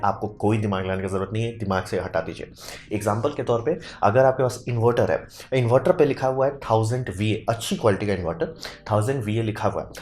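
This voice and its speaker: A man's voice: mid-range voice, a little mellow. A man giving a casual, chatty science lesson, playful and full of homely comparisons. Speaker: science educator.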